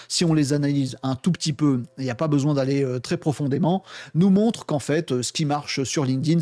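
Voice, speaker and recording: Opinionated French tech host, slightly high voice. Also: male voice, no echo. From France. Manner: animated, opinionated, frequent fillers. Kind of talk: casual opinionated commentary.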